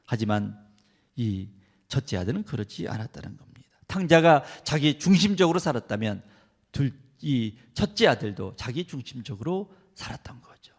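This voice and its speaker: A male pastor preaching a sermon, acting out quoted voices and moving from soft murmurs to raised, pleading lines. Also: medium pitch, sing-song, moderate pace. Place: church sanctuary.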